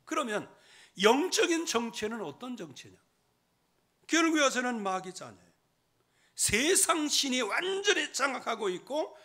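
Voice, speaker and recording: High, animated male pastor preaching. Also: creaky. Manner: lively preaching, swinging from loud emphasis to quiet asides, mimics hymn singing. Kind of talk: sermon. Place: church sanctuary.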